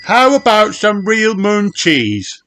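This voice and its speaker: A man voicing a high-pitched lady rabbit. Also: very animated, slow pace, bright, forceful tone, heavily acted. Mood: selling. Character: brisk female rabbit, a friendly shop and ticket seller.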